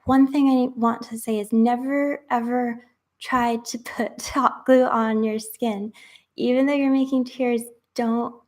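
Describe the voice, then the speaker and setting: A woman's voice: fairly high pitch, steady tone, unhurried. A young woman chatting casually while making crafts, rambling with lots of fillers and sometimes dropping to a whisper.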